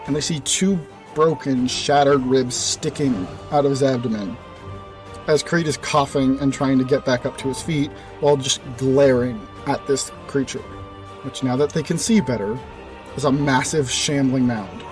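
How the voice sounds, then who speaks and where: A man's voice: mid-range voice, normal speed, over music. A young man casually narrating a recap of his tabletop fantasy campaign, with loose phrasing full of "kind of" and "like".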